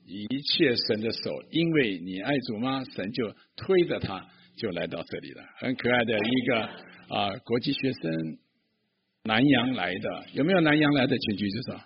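A man from Fujian, China, serving as pastor, addressing a church congregation in a lively way and drawing the crowd in with questions. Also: medium pitch, moderate pace, muffled recording, a little hiss or hum.

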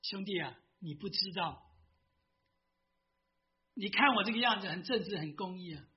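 A man's voice: high-pitched, animated, normal speed, highs cut off. A man voicing a remorseful old male professor in a confession, told within a sermon. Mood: confiding.

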